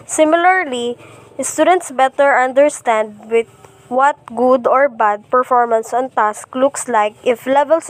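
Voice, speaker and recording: A young woman from the Philippines reading a class report aloud, slowly and carefully, with small slips and restarts. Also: fairly high pitch, no room sound. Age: young adult. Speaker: student presenter.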